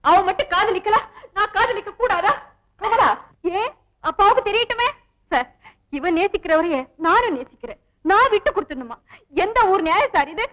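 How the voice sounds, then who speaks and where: A woman's voice: extremely high pitch, normal speed, pauses often, bright, forceful tone, poor audio. An actress playing a frank, spirited young woman in a 1960s film drama, given to tearful, pleading outbursts. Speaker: lead actress in a film scene.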